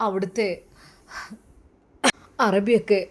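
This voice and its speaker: A woman's voice: mid-range voice, flat delivery, slow pace, background noise, close to an everyday voice. A woman doing a tender older mother. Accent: Malabar Malayalam. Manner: tender, soothing. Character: kindly older mother, tearful and devout.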